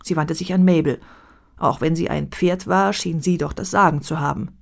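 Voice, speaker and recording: A woman reading a children's storybook aloud as narrator, measured and expressive. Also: deep voice, creaky.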